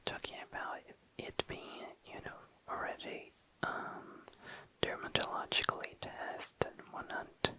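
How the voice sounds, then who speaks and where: Close to the mic, an ASMR creator whispers in a breathy, unvoiced way, drawing out words softly as if in a relaxed show-and-tell. The pace is unhurried.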